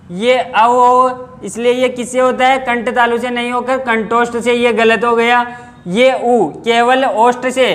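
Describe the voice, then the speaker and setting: A man's voice: very high-pitched, a bit bright. A male teacher giving an exam-prep grammar lesson, explaining step by step and asking and answering his own questions.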